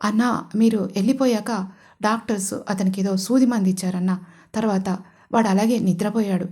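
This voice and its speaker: A woman's voice: medium pitch, fairly even intonation, fairly quick, dark tone, natural voice. A woman voicing a timid stammering henchman. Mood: fearful. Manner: hesitant, stammering. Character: timid frightened male henchman. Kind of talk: audio story character voice.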